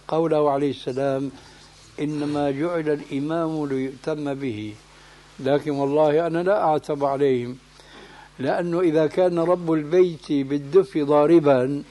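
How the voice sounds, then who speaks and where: Man, religious lesson, emphatic corrections, slightly high voice, mellow tone. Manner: emphatic, corrective, asks and answers his own questions. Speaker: religious scholar teaching.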